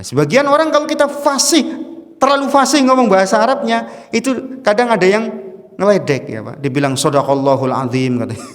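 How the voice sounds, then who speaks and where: A man teaching a casual study lecture to a congregation, chatty and asking his listeners questions. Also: fairly high pitch. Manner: chatty, asks the audience questions, chuckles often. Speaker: religious teacher. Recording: long hall reverb.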